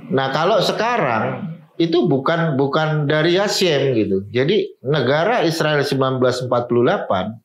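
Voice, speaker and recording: A man's voice: on the high side, animated, moderate pace, roomy sound, muffled recording. A man speaking as a guest in an interview, explaining at length and mixing in Hebrew and English terms.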